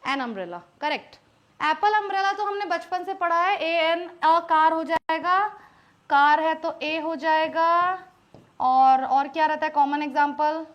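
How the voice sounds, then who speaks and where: A woman with an Indian accent, her voice high and bright, teaches an online English class. She walks through each point step by step and keeps putting questions to her students. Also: a little slow, muffled recording. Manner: explains step by step, quizzing students with frequent questions.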